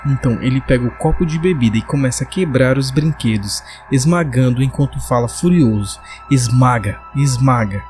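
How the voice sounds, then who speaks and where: A man with a Brazilian accent narrating a comic-book story in a plain, steady way. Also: medium pitch, brisk, few pauses. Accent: Brazilian Portuguese. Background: music.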